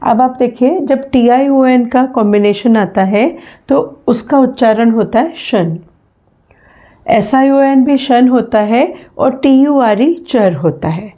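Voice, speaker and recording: Reviewing English phonetics in Hindi, a patient female teacher with an Indian English accent says words again slowly and frequently asks "है ना" to check understanding. Her tone is mellow and a little high.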